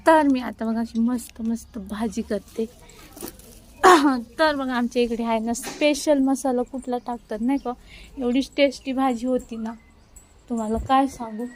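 Chatty woman vlogger, slightly high voice, talking to viewers on a phone outdoors. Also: measured pace, slight background noise. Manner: chatty, keeps pointing things out to viewers. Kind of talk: casual vlog narration. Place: outdoors at a village home by a wood stove. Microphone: phone camera.

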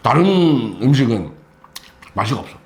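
A man hosting a comedic mukbang, talking while eating heartily and playfully dropping in Japanese phrases in a deadpan way. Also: medium pitch, normal speed, gravelly. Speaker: food show host, restaurant customer. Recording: roomy echo, music behind.

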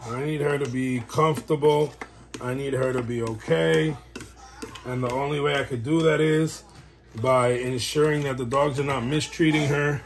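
Man, casual how-to vlogger, rambly and chatty, talking while he works at home; mid-pitched voice, noticeable background noise. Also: steady tone, normal speed. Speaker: dog breeder. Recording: noisy home recording.

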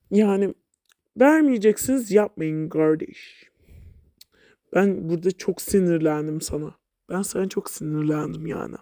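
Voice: medium pitch, darkish tone, no echo, clean studio sound. A game vlogger giving casual gameplay commentary, chatty and talking back at the game, sometimes dropping to a mutter.

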